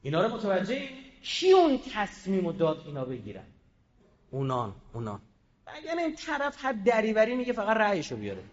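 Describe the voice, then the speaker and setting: A man giving a combative public speech, firing rhetorical questions and swinging between loud and quiet. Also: sits high, wildly swooping pitch, long reverb tail, highs cut off. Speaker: public speaker.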